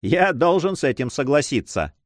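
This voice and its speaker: A man's voice: fairly high pitch, big pitch swings, normal speed, no echo, clean studio sound, pitched above the performer's own voice. A man voicing a stern, contemptuous Spanish landowner in an audiobook.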